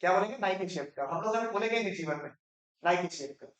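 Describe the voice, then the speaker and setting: A man's voice: sits high, lively intonation, fairly bright tone. Playful male teacher in an echoey classroom. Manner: asks the class quick questions, mixes Hindi and English; playful, teasing students. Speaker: economics teacher. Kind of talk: classroom lecture.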